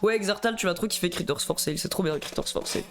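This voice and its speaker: A young man with a Belgian French accent talks fast in a high voice, rambling nervously through a casual live stream chat. He stammers and laughs as he goes.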